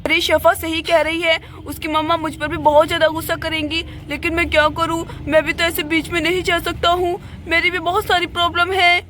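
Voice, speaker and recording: A woman's voice: extremely high pitch, level tone, a little fast, few pauses, bright, forceful tone. A woman voicing a flustered, apologetic father and henpecked husband in a doll play, pleading with his family.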